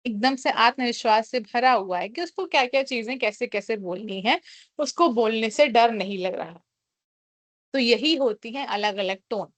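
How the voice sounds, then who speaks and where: A woman teaching a class, explaining each point in Hindi and reading English definitions out slowly. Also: fairly high pitch, no room sound. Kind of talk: classroom lecture.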